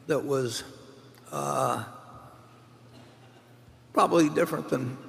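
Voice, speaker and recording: A man's voice: medium pitch, vocal fry. An older man answering questions on a stage, talking off the cuff with many restarts and fillers. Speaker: chairman answering shareholder questions. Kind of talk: unscripted Q&A answers. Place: large hall stage, seated at table. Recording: large reverberant hall, faint ambience.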